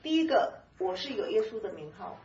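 A woman giving a conversational sermon-style Bible teaching, lively and chatty, laughing often and dotting her talk with soft filler particles. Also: medium pitch, brisk, echoey room, far from the mic, dull audio.

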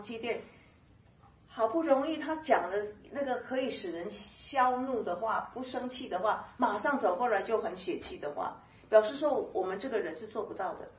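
A woman gives an informal Bible teaching in a fairly high voice, chatty and animated, laughing often between her points. She sounds distant from the microphone, in a roomy, echoing space. The recording is muffled and dull. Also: moderate pace. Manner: lively, chatty, laughs often, many soft filler particles. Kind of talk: conversational sermon teaching.

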